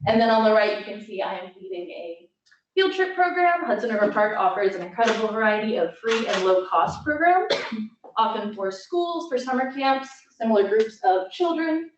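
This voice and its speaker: A young female student enthusiastically presents her internship slides, growing emotional and choked up near the end. Her somewhat high voice has lively intonation at a moderate pace, recorded echoey, distant and dull lo-fi amid background noise.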